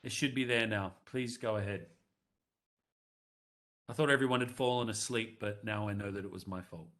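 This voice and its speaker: A man's voice: on the low side, moderate pace, a bit bright. Man presenting a live webinar on headset. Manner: conversational, addresses the audience directly and runs live polls.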